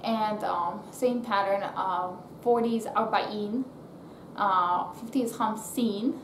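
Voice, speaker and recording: Woman teaching, echoey room. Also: mid-range voice. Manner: halting, thinking aloud. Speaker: language teacher. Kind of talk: informal spoken lesson, counting aloud. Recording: echoey room with faint background noise.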